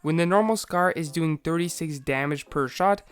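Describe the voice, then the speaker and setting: A man with a slightly raspy voice, recovering from a sore throat, methodically narrating a scripted video game explainer. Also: a little high, moderate pace.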